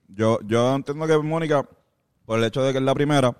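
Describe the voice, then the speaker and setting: A man's voice: mid-range voice, fast talker, clear, resonant tone. A man with a Puerto Rican accent in casual podcast chat, telling stories animatedly and joking. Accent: Puerto Rican Spanish. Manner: animated storyteller, joking, mimics people.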